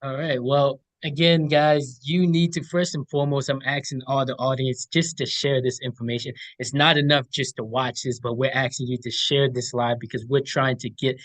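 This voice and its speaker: A man's voice: medium pitch, little pitch movement, normal speed, few pauses, fairly bright tone, no room sound, low-quality recording. A man hosting his own podcast, upbeat and talking straight to the audience, repeating his points. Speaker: podcast host. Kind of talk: casual talk show hosting.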